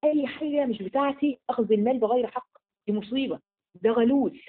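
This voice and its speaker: A woman with an Egyptian accent gives a religious lesson to a group of women, speaking at a very fast clip. She keeps asking rhetorical questions and answering them in casual colloquial speech. The sound is narrow and tinny, as if heard over a phone. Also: high-pitched. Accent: Egyptian Arabic. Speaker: religious teacher.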